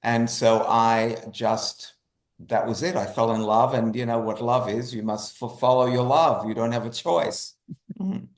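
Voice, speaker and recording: This Australian man, a writer and animator appearing as a guest, takes interview questions in an unhurried, mid-range voice. He is emphatic and leans on repeated phrases for effect, and the room around him echoes noticeably.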